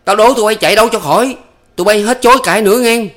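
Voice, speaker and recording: A man's voice: sits high, rapid-fire, fairly bright tone, voice pushed up. A man reading a story, voicing an enraged village man who bellows threats. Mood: bellowing. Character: furious village man, later wounded and faint.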